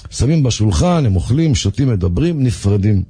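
A man telling a story on the radio in a lively, animated way, repeating words for effect. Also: mid-range voice, husky, no room sound.

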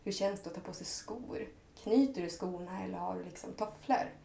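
A woman's voice: on the low side, gravelly, mellow, reverberant, a little hiss or hum. A woman talking as a podcast guest in a reflective, earnest way, her thoughts running on in long heartfelt sentences. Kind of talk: reflective personal conversation.

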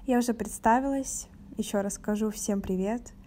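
An eighteen-year-old woman from Russia hosting a podcast, speaking in a calm, measured, earnest way. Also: a little high, a little hiss or hum. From Novorossiysk, Russia. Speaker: podcast host. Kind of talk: podcast talk.

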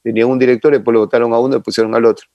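An older man, telling long animated stories as an interview guest. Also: mid-range voice, very fast, dry recording, muffled recording. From Ecuador. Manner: animated, rambling reminiscence with sound effects. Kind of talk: casual storytelling interview.

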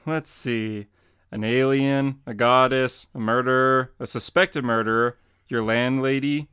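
A man voicing Robin, a sarcastic teenage male sidekick with deadpan wisecracks, in a dramatic comic reading. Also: medium pitch, measured pace, clear, resonant tone, lightly acted.

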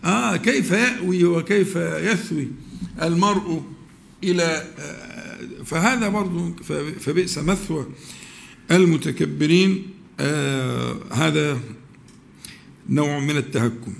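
A man with an Egyptian accent teaching a religious lesson, asking his students questions and pausing often to find words. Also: fairly high pitch, vocal fry, a little hiss or hum. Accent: Egyptian Arabic. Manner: questions the audience, with many drawn-out pauses and restarts.

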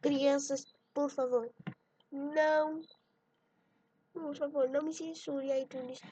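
A woman's voice: high voice, fairly even intonation, takes it slowly, warm tone, far from the mic, a little hiss or hum, rough recording. A woman reading jokes aloud, stumbling over words and laughing at her own punchlines. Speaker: joke reader.

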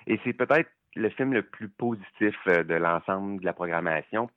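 A man with a Québécois accent reviewing documentaries in casual podcast chat, enthusiastic and halting with many fillers. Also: low voice, dry recording. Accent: Québécois French. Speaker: film critic guest. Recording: tinny phone-like line, dry.

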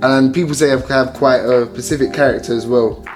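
A man's voice: mid-range voice, steady tone, brisk, a little mellow. An eighteen-year-old man with a London accent, a podcast guest talking casually about his projects and filling his speech with "and stuff" and "yeah". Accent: London English. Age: late teens. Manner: laid-back, agrees often, filler-heavy. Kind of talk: casual conversation. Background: faint background music.

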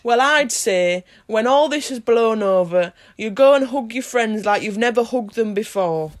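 A woman's voice: a little high, lively intonation, unhurried. A woman in her twenties hosting a casual, conversational interview. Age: 20s. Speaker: host interviewing a grandparent. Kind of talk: casual chat.

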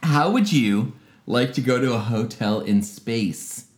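A man co-hosts a comedy podcast, reading news items and riffing on them with sarcastic jokes. His pitch moves a great deal, rising and falling as he talks. The room gives his voice a noticeable echo. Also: lively intonation, slow. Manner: joking, sarcastic, laughs often. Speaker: podcast co-host. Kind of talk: casual comedic chat.

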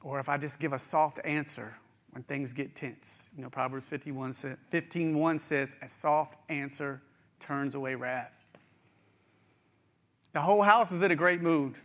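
A man's voice: a little high, a little slow, fairly bright tone. A middle-aged man with a West Virginia accent giving a sermon in a conversational, folksy way, speaking straight to his listeners. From West Virginia, United States. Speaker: preacher.

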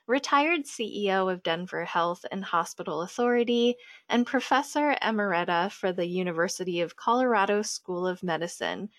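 A woman hosts a podcast with upbeat enthusiasm, reading her introduction smoothly at a mid pitch. The recording is dry and close. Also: fairly bright tone, no room sound. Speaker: podcast host, editor. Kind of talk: scripted podcast intro and interview.

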